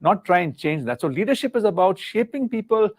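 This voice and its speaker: A man's voice: high-pitched, sing-song, a little fast, darkish tone. A middle-aged man from India, a former business leader, talking earnestly about leadership in a live interview and often repeating words as he searches for the next one.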